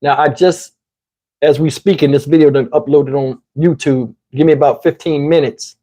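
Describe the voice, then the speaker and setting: Talking casually to viewers on a livestream, a Southern-accented YouTube commentary host rambles in a conversational way, often asking "you know what I'm saying." His mellow voice sits on the high side, with fairly even intonation and a moderate pace. He sounds parched, his voice tiring.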